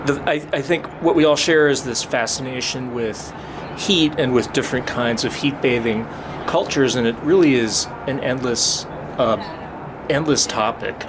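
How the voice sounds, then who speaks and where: A man's voice: medium pitch, moderate pace, noisy background. A man speaking as a guest author in a sauna, wry and self-deprecating. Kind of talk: casual interview chat. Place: inside a sauna at an outdoor festival.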